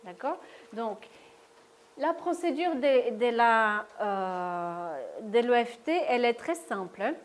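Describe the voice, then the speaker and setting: This slightly high, sing-song female voice moves slowly as she presents a stress workshop to an audience in a lecture room. She explains the tapping technique stage by stage and keeps confirming with "d'accord?".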